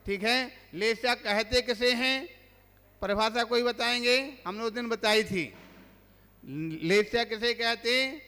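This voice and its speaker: A man's voice: extremely high pitch, slow, sharp tone. A man, a monk teaching a religious class, asks the listeners questions and then recites the lists himself. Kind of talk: quizzing religious lesson. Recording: long hall reverb.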